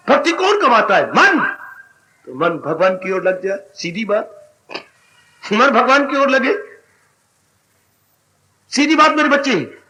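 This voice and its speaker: A man giving an animated devotional sermon as a spiritual teacher, breaking into exclamations and sung lines. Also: very high-pitched, a little hiss or hum, poor audio.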